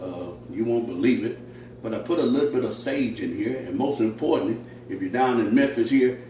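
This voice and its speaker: A man's voice: fairly low pitch, a little mellow. Man, pitmaster, casual cooking demo, folksy and homespun, echoey room, mic set back. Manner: folksy, homespun talk with many fillers. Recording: echoey room, mic at a distance, faint noise.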